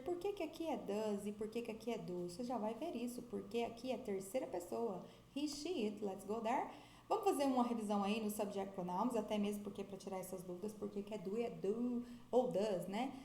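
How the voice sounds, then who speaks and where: A woman's voice: fairly high pitch, warm tone, roomy sound. A Brazilian woman teaching an English grammar video lesson. She has a Brazilian Portuguese accent and moves between English and Portuguese, stretching out her example sentences.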